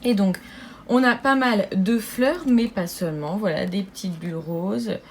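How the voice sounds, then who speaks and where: A bubbly, talkative budgeting vlogger chats casually with her viewers, often laughing and filling pauses. Her voice is medium-pitched and a little mellow.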